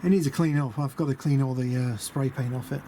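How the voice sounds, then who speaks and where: A man's voice: mid-range voice, a little fast, warm tone. A British man giving a casual, rambling vlog commentary in an understated, chatty way, muttering asides to himself. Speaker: DIY vlogger showing a camper van conversion. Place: outdoors by a van beside a house. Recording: windy outdoor camera audio with noise. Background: wind noise.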